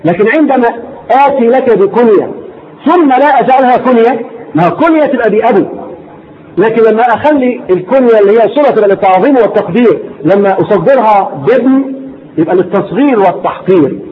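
A man's voice: extremely high pitch, expressive, fast. Man, Egyptian accent, religious lesson, repeats himself, rhetorical questions, faint background noise. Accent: Egyptian Arabic. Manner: repetitive, rhetorical questions to listeners. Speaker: religious teacher. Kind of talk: Islamic lesson to a class. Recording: dull lo-fi recording, faint noise.

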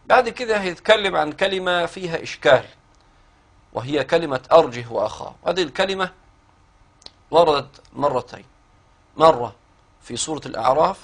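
An Egyptian-accented man teaches a recitation class with a somewhat high-pitched voice. He works through the rules step by step and stretches out the verse lines he chants. He stops now and then to quiz a student. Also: animated, fairly quick, long pauses. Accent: Egyptian Arabic. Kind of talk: classroom explanation.

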